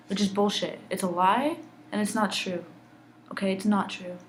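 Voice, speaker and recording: A woman's voice: medium pitch, vocal fry, poor audio. Young woman, angry personal vlog rant, mid-range voice, slight background noise. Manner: angry, intense, heavy swearing. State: upset.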